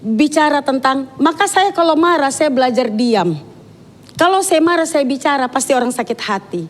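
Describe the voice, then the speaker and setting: A woman's voice: high-pitched, animated, moderate pace. A woman giving a sermon in a church, talking frankly and chattily, with many asides to the congregation. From Dayak. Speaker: preacher.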